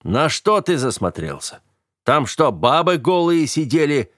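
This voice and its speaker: A man voicing a gruff, grumbling male fight trainer in an audiobook, speaking slowly and loudly with a mocking edge. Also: on the high side, very animated, no echo, clean studio sound, voice pushed up. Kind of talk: audiobook character voice.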